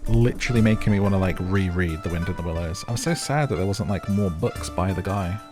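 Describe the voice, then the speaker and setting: A British man with a low voice talks fast while hosting a gaming video, chatting casually over the gameplay and playfully addressing the characters. Music plays beneath his voice.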